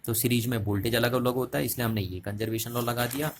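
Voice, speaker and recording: A man's voice: medium pitch, steady tone, quick pace, slight background noise. A man teaching a physics lesson at a board, explaining step by step and often checking with the students. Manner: repetitive, checking questions to students.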